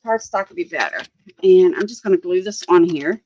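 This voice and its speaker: A woman's voice: fairly low pitch, animated, fairly quick, darkish tone, no echo, highs cut off. A woman, chatting casually as she works on a craft project, thinking aloud, often laughing, and answering viewers' comments. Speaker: crafting livestream host.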